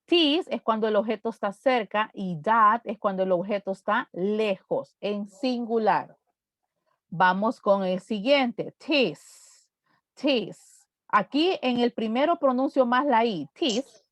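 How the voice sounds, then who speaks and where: Slow-talking woman teaching English. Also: on the high side, no echo. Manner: slow, drawn-out explanations repeating English words. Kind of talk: live online English lesson.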